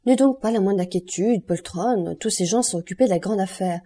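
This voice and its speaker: A woman reading an audiobook and voicing a bold, daring young woman who speaks briskly and confidently. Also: mid-range voice, dark tone, natural voice.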